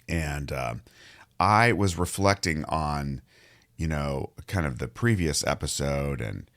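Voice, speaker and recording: A man in his fifties hosts a solo show with a cold that leaves his voice hoarse, fuzzy and distorted. His very deep, gravelly tone lurches up and down in pitch as he rambles through a story in a conversational way. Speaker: daily show host. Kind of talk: solo podcast monologue.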